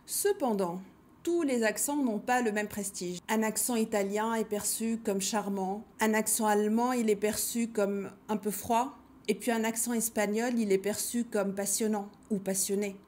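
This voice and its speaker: A woman hosting a language-learning video, talking to the camera in a measured, reflective way and posing rhetorical questions to her viewers. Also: medium pitch, a little mellow. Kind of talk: reflective scripted talk to camera.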